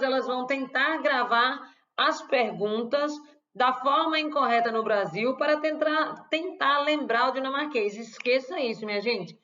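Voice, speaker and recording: A woman with a Brazilian Portuguese accent teaches a grammar lesson from slides, talking deliberately, repeating key phrases and adding playful asides. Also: fairly high pitch, a bit bright. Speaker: language teacher. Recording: dull lo-fi recording.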